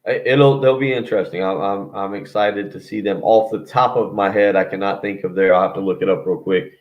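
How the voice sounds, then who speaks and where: A man's voice: on the low side, steady tone, brisk. A man talking casual sports as a guest over the phone, rambling and interrupting himself. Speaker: radio host as call-in guest. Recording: muffled phone line.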